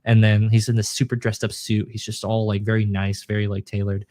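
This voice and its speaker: Low-voiced man chatting on a podcast. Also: completely flat delivery, a little fast, darkish tone, no echo. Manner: enthusiastic, acts out characters' lines. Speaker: podcast co-host. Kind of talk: casual manga discussion.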